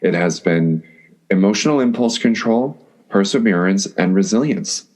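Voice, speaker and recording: Male podcast guest, very deep voice, effusive flowing talker, casual chat. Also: expressive, moderate pace, darkish tone. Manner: effusive, lists words in a flowing rhythm. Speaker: astrologer guest.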